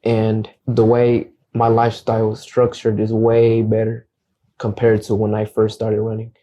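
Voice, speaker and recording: A young man from the United States whose first language is Acateco speaks earnestly as a guest realtor in a casual interview, often repeating words as he begins a thought. His voice is on the low side, monotone, mellow and a little slow, and the sound is lo-fi.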